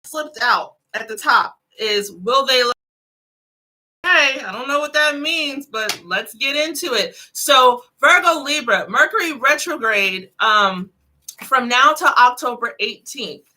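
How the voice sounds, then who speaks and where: A bright, sharp-toned woman with a lilt talks through a live tarot reading in a loose, chatty way. She giggles often and keeps calling her viewers "honey loves." Her voice sits a little high. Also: expressive, a little slow. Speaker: tarot reader.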